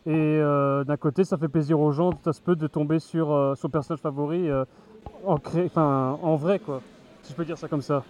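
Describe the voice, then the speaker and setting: A man's voice: on the high side, fairly even intonation, moderate pace, a little mellow. A man speaks casually through a face mask into a close mic, muffled, giving hesitant, informal explanations in an interview. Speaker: costumed cosplayer being interviewed. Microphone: handheld mic held very close to the mask.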